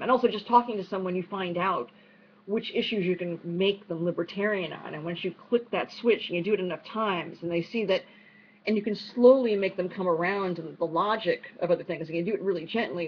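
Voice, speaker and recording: A woman with a New York accent answering audience questions online in a quick, chatty way, full of fillers and restarts. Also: lowish voice, husky. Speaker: speaker at an online unconference. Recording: dull lo-fi stream with faint noise.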